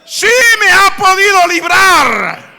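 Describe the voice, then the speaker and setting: A man acting out a triumphant prophet calling up from a pit, in jubilant, proclaiming shouts. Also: very high-pitched, very animated, slow, creaky, a faint crowd, voice pushed up, exaggerated voice. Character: faithful male prophet, triumphant and unharmed. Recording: long church reverb.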